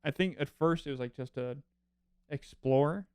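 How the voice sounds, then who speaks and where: A man's voice: fairly high pitch, moderate pace, darkish tone, clear, resonant tone, no echo. Guy, podcast co-host, loose rambling delivery full of "like" and "um", dry close sound. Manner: rambling retelling with many fillers. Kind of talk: casual chat.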